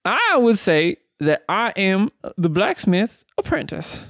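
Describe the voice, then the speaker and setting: A man's voice: high-pitched, big pitch swings, takes it slowly, fairly bright tone, dry recording, studio quality, full character voice. A man voicing a friendly town drunk, a blacksmith's apprentice, in folksy, rambling drunk talk for a tabletop game. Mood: rambling, amiable. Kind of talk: tabletop role-play character.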